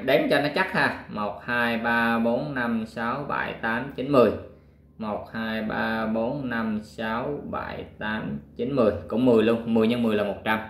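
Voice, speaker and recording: A male math teacher works through a worksheet, counting squares aloud in a slow, patient way. He pauses often with fillers, and his voice sits at a middling pitch. A roomy echo hangs around his voice. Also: fairly bright tone. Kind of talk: worksheet walkthrough lesson.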